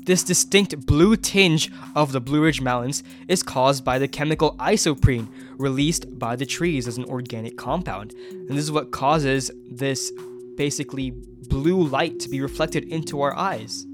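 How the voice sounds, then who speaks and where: A man's voice: medium pitch, unhurried, music in the background. Upbeat young man explaining on a hike. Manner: enthusiastic explainer. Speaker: travel vlogger. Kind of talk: educational hiking vlog. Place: on a mountain trail outdoors.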